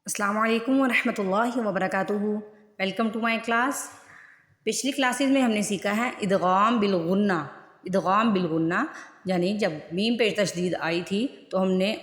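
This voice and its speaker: A woman teaching a Quran recitation lesson, who repeats each rule and keeps putting questions to her viewers. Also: medium pitch. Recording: echoey room with long reverb.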